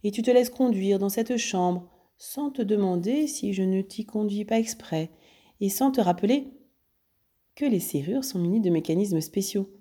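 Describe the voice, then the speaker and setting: A woman voicing a sly, taunting gentleman thief, a grown man who mocks his rival while she reads a storybook aloud. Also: mid-range voice, normal speed, voice pushed up, close to an everyday voice. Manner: taunting, teasing, condescending.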